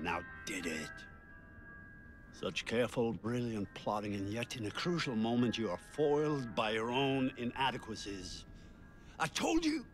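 A coolly scolding psychiatrist. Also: male voice, medium pitch, a bit bright. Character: calm reproachful male psychiatrist figure.

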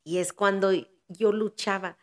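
A woman's voice: mid-range voice, steady tone, a little slow. An older woman preacher giving earnest testimony in a podcast interview, with heartfelt swells. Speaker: guest preacher.

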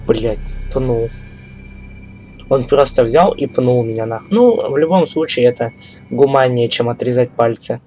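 A man's voice: mid-range voice, a little slow, darkish tone. Guy streaming a game, can't say his r's right, swears a lot, stumbles reading stuff out, game music behind him. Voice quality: burr, has trouble pronouncing his r sounds. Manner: profane, stumbles while reading aloud. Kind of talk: casual gaming commentary, reading on-screen text aloud.

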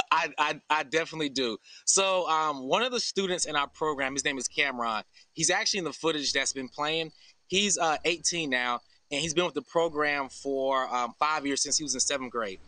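An American man in his 30s, founder of a farm, speaks at normal speed in a bright, forceful voice on the high side. As an interview guest on a live video call, he explains earnestly and informally from an open farm shelter outdoors, with no room sound.

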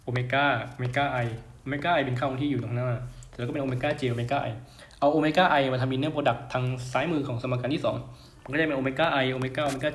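A young man tutoring physics in a casual, chatty way, often checking in with his listeners. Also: medium pitch. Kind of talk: casual lecture over a whiteboard. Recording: roomy echo.

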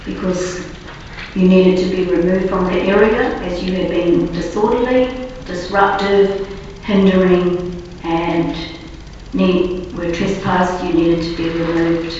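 A woman police officer giving formal, deliberate and halting testimony as a witness under cross-examination. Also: fairly low pitch, steady tone, a little mellow. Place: large reverberant courtroom, far from microphone. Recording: very echoey distant courtroom recording, muffled, faint noise.

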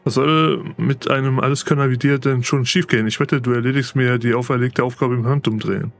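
A man's voice: mid-range voice, fairly even intonation, a little fast, gravelly, natural voice. A man reading as a chatty young noble son. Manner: read aloud plainly from game text.

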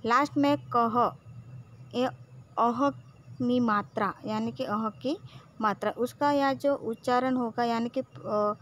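A woman's voice: fairly high pitch, takes it slowly, a little hiss or hum. A woman teacher with a Gujarati accent who patiently drills syllables one by one, saying "okay" often. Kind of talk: slow classroom lesson.

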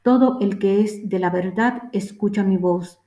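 A woman reading the words of a calm, authoritative male religious teacher in a measured voice, in a roomy space. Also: mid-range voice, lightly acted. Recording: roomy echo.

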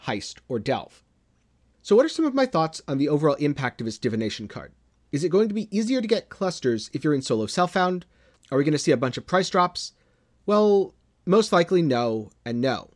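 A man hosting a gaming channel, giving scripted news commentary in a measured way, dropping low and dramatic at the ends of phrases. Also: darkish tone. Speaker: gaming video host.

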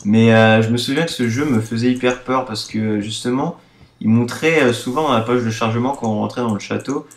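An eighteen-year-old man giving excitable, casual let's-play commentary, often breaking into exclamations. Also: mid-range voice, brisk, echoey room. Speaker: gaming video host.

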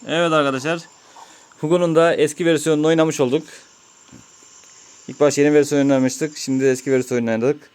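A man's voice: fairly high pitch, fairly even intonation, quick pace, long pauses, darkish tone, clear, resonant tone. A man giving let's-play commentary, patiently explaining each step of an old game to his viewers. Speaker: gaming YouTuber.

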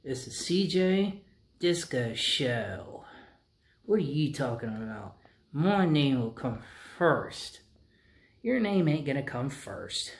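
A man's voice: medium pitch, sing-song, vocal fry, full character voice. Man doing a cocky, drawling ventriloquist dummy boy. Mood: bickering. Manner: boastful, argumentative, drawn-out speech. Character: cocky bickering boy ventriloquist dummy, self-proclaimed star.

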